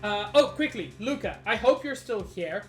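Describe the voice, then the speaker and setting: A woman streams a game and chats with her viewers in a middle-pitched voice. The sound is roomy, with game music clearly playing behind her. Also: animated, normal speed. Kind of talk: chatty game stream with dramatic read-aloud.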